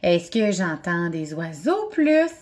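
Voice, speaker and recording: A woman's voice: fairly low pitch, very animated, slow pace, a little mellow. A woman teacher with a Québécois accent, recording a chatty, encouraging video lesson for young children from home. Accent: Québécois French. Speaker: elementary school teacher.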